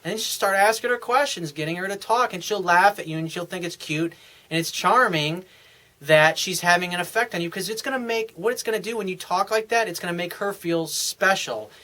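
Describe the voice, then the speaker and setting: Responding to a viewer in a solo talk, this dating coach swears freely and hammers home blunt advice, often starting lines over. He speaks in a high, sharp voice at a slightly quick pace.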